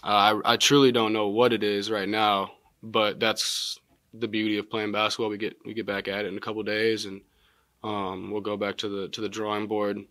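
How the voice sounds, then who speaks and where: A college basketball player in his twenties answers postgame press questions in a measured way, filling gaps with lots of ums. His low voice stays flat and level yet fairly bright. The sound is dry and close, picked up by a table mic in front of him in a press room.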